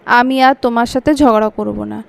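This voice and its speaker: A woman's voice: fairly high pitch, steady tone, vocal fry. A woman voicing a stubborn, cheeky little boy in a Bengali audio story, talking back petulantly. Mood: grudging. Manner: petulant, quick to talk back.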